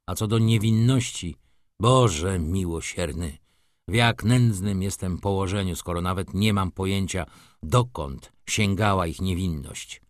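A man's voice: deep voice, unhurried, dry recording, clean studio sound. A man voicing a cold, brooding merchant. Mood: cold bitter. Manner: restrained, cool, bitter. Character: brooding middle-aged merchant, cold and bitter. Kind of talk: audiobook character reading.

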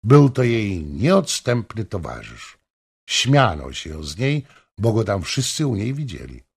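Casting: male audiobook narrator, slow and dramatic, gravelly husky voice, lively pitch. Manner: dramatic, expressive reading. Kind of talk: scripted narration of a historical novel.

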